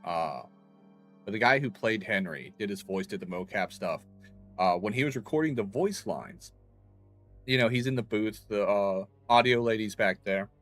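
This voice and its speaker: Low-voiced man doing chatty game commentary. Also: lively intonation, normal speed, faint music behind. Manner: chatty storytelling, laughs often. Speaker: livestreamer. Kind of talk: casual gameplay commentary.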